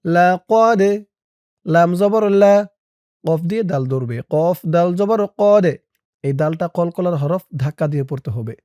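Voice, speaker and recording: A Quran recitation teacher spells out Arabic letters and vowels, with brisk explanations between slow, drawn-out chanting of the verse. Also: mid-range voice, lively intonation, mellow, no room sound, studio quality.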